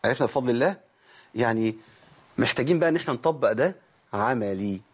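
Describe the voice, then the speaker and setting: A man's voice: medium pitch, expressive, fast talker, slightly rough. A tired man with an Egyptian Arabic accent, teaching Quran recitation on a broadcast lesson, explaining step by step, demonstrating sounds and questioning his viewers. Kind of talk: televised tajweed lesson.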